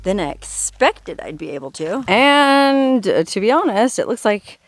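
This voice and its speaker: A woman's voice: on the high side, big pitch swings, measured pace, music in the background. A woman travel vlogger talking outdoors in a desert canyon, in a casual, playful and jokey way. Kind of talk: casual vlog narration.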